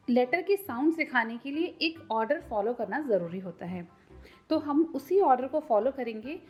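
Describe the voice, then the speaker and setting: A woman teaching phonics to parents as a channel host, sounding out letters slowly and repeating each one. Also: sits high. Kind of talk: tutorial lesson for parents.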